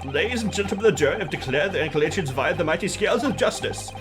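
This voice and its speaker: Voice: medium pitch, animated, very fast, music in the background, lightly acted. A streamer voicing a pompous video game judge in a formal, declamatory way. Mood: solemn.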